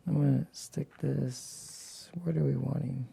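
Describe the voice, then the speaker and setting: A woman with a gravelly, slightly worn-out voice, hosting a livestream in casual, blunt, playfully sassy hobby chat. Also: very deep voice, steady tone, slow, dark tone. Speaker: livestream host.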